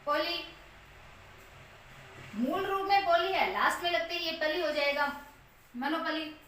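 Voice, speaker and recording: A high-pitched woman with a bright, forceful voice teaches English phonetics, patiently spelling out words letter by letter. She sounds set back from the mic in a very echoey room with a faint hum of ambience. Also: a little slow, far from the mic. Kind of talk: Hindi lesson on English phonetic transcription.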